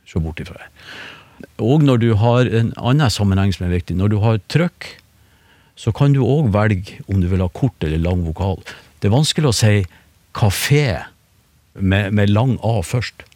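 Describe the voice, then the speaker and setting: Low-voiced man explaining patiently. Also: a little mellow, no room sound. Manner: patient, explanatory, with many fillers and restarts. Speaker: language expert on a radio panel. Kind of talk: explaining on a radio talk show. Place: radio studio.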